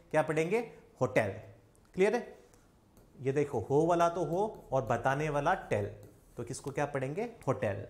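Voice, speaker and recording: A young man from India with an Indian accent, teaching an online spoken English lesson and quizzing viewers with repeated questions. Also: on the high side.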